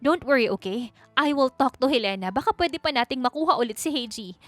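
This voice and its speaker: A woman's voice: high voice, lively intonation, a little fast, fairly bright tone, no echo, voice pushed up. A woman voicing a distraught wealthy middle-aged mother who talks dramatically and mixes English into Tagalog. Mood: anxious pleading.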